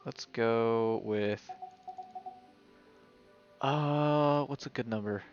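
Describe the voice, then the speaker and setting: A man with a mid-range voice streams a video game, speaking very slowly as he gives casual live commentary and thinks aloud as if to himself. Video game music plays behind him, and the audio is dull.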